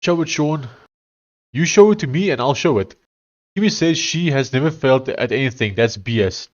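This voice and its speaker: A man's voice: on the high side, lively intonation, normal speed. South african guy w afrikaans accent, stuffy nose, chatting on stream, kinda muffled mic. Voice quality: congested, blocked-nose sound. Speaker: live streamer. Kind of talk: casual livestream chat while coding.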